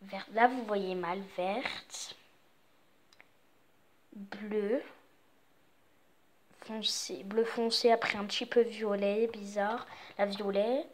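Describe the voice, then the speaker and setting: Speaking extremely slowly with long pauses, a young woman with a medium-pitched, fairly even voice walks viewers through her home's Christmas decorations. It's a casual, rambling home tour vlog packed with fillers.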